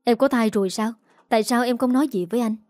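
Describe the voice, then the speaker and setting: Audiobook: woman reading a snappish cheating husband, rushed and defensive, dry close sound. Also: on the high side, darkish tone, dry recording, natural voice. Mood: flustered. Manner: irritated, sneering. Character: defensive unfaithful middle-aged man.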